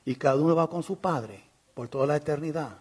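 A man with a slightly high, husky voice preaches to a church congregation. He drives his points with rising insistence, then sinks to hushed, grave warnings. His delivery is urgent and pleading. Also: a little fast. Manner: emphatic, swinging from raised insistence to low, quiet warnings. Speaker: pastor. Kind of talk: sermon.

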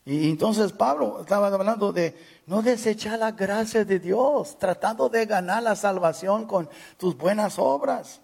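A pastor preaching a sermon to his congregation, pressing his points hard, then dropping to low, quiet warnings. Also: a little slow, gravelly, slightly rough. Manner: emphatic, swinging from raised insistence to low, quiet warnings. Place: church, speaking to a congregation.

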